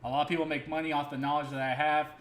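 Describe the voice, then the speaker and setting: A man's voice: a little high, level tone, very fast. A man hosting a crypto livestream, talking casually and earnestly, rambling with many fillers and restarts. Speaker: crypto stream host. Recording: echoey room with faint ambience.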